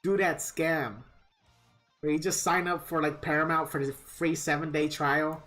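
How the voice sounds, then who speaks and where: A woman's voice: sits low, fairly even intonation, measured pace, fairly bright tone. A woman live-streaming a game, chatting casually with viewers in a kvetching, grumbling way and swearing freely. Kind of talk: casual livestream chat with viewers. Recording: guitar music behind the voice. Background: plucked guitar music.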